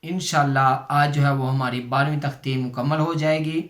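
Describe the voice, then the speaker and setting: A man's voice: fairly high pitch, fairly even intonation, fairly bright tone. Patient Pakistani man teaching Quran reading. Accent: Pakistani Urdu. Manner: patient, spells syllables out slowly and repeats them; addresses viewers as students. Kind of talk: slow recitation lesson for children.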